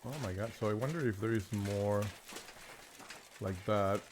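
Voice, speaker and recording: Deep-voiced man thinking aloud. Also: fairly even intonation, moderate pace, background noise. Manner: chatty, thinking aloud, mild cursing. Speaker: gaming streamer. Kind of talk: casual gameplay commentary. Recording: clear game audio underneath. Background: game sounds of birds and countryside.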